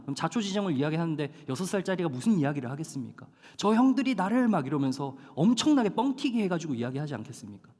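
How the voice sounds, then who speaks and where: A male pastor preaching a sermon to a young adult congregation, animated and storytelling, with dramatic slowdowns for emphasis. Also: on the high side. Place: church hall. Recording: long hall reverb.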